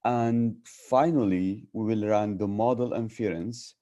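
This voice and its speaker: A man presents a technical tutorial on a video call. His voice is fairly low and soft-edged, with a dark tone. He speaks haltingly, often pausing on filler sounds as he explains. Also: fairly even intonation. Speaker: tutorial presenter, data scientist. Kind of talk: technical presentation with screen sharing.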